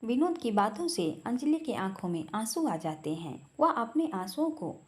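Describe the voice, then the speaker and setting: Expressive woman storyteller, lively pitch. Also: moderate pace. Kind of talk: scripted story narration.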